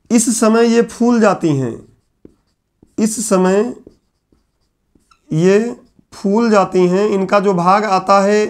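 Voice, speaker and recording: A male teacher giving a classroom lecture, repeating key phrases slowly so students can write them down. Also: high-pitched. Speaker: exam coaching teacher. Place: classroom with whiteboard.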